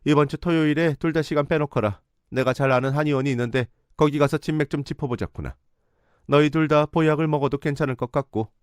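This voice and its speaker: A man's voice: on the high side, fast talker, smooth, dry recording, studio quality, voice pushed up, lightly acted. A man voicing a domineering middle-aged mother who scolds imperiously. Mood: commanding.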